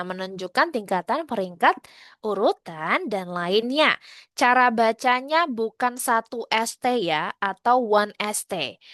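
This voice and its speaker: A woman with an Indonesian accent leads an online English class, taking her time as she drills each number and asks students to answer in the chat. Her voice sits a little high and sounds dry and close. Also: fairly bright tone, no echo. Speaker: English teacher.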